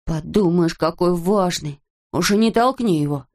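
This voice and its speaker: A woman voicing a small female inner conscience in an audiobook, slow, low and scolding. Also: a little mellow, natural voice. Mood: mocking. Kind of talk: audiobook character voice.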